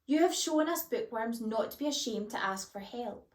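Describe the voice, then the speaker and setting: A woman's voice: fairly high pitch, expressive, normal speed, lightly acted. A woman voicing a big friendly bookworm lady. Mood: kind. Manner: warm and gentle. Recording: roomy echo.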